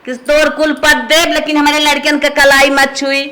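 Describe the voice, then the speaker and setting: Spiteful scolding stepmother played by a woman, Awadhi accent, high voice, bright tone. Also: monotone, normal speed. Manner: scolding, sharp-tongued. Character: harsh, spiteful village stepmother, middle-aged. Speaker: actor in a comedy skit. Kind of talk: village family skit acting.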